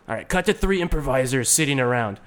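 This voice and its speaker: A man's voice: lively intonation, fairly bright tone. A man doing improv comedy, rambling through a scene setup. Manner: rambling, fast pitches.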